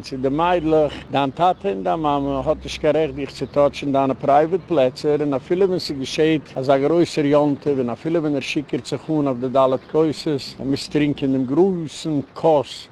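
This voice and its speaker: A man's voice: on the high side, a little mellow, slight background noise. An older man with a Yiddish accent gives a rambling holiday talk as a rabbi, mixing English words into his speech. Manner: mixes English words into heavily Yiddish-inflected speech, chuckles. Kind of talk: informal rambling address.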